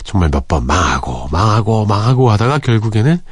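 A man in his forties hosting a late-night radio show, chatting easily and reading listener messages with soft breathy asides. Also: on the low side, very animated, a little fast, no echo. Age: 40s. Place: radio studio. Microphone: close studio microphone.

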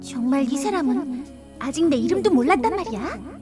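Young sorceress, very high voice, feisty, earnest, theatrical radio drama, music underneath. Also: female voice, moderate pace. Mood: surprised. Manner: animated, theatrical.

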